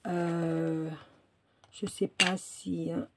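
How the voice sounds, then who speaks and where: A woman's voice: fairly low pitch, flat delivery, drawn-out words, background noise. A woman from France hosting a casual card-making tutorial at home, rambling with many fillers and restarts as she talks to herself while she works. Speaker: crafting video host. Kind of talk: casual crafting tutorial chat. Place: home, indoors. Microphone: phone or camera filming her work table.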